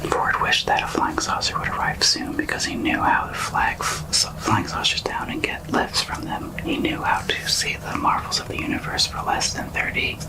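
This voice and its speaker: A middle-aged man whispers an ASMR book reading, halting now and then and repeating words. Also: rough recording. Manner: whispering throughout.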